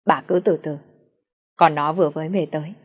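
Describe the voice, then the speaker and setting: A stern, quick-tempered middle-aged father barking rebukes, read by a woman narrator. The voice is low. It is an audio storybook reading. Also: fairly even intonation. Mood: dismissive.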